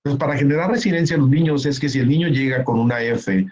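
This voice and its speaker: A man speaks at a mid pitch, earnest and explanatory. He gives a keynote talk and now and then acts out what parents and relatives say in quick asides. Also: darkish tone, poor audio. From Mexico. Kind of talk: conference talk, answering a question.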